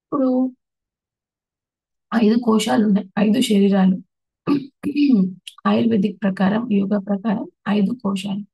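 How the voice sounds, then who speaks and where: Woman, meditation teacher, mellow dark tone, dry close sound, patient step-by-step explainer. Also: medium pitch, steady tone, a little slow, gravelly, long pauses, breathy edge, no echo, low-quality recording. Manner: explains patiently, lists terms one by one with restarts. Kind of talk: spiritual talk on emotions.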